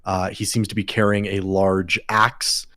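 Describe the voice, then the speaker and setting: A man's voice: low-pitched, flat delivery, a little slow, fairly bright tone. A man running a tabletop game as game master, narrating in an easygoing way with many fillers.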